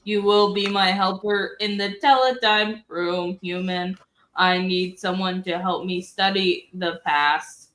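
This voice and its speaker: A woman voicing a stern, commanding robot scientist in a slow, flat, clipped robot voice. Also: medium pitch. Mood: bossy.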